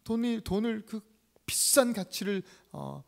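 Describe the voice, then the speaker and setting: Lively high-voiced preaching man. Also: unhurried, gravelly. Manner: dramatic, storytelling, swings between loud and hushed. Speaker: pastor. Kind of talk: sermon. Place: church sanctuary.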